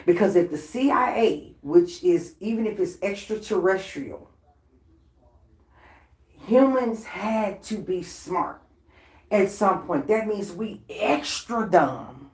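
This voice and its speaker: A woman's voice: medium pitch, expressive, slow, a little mellow. A woman vlogger in a casual, unscripted rant, blunt and profane and laughing between lines. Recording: roomy echoey room.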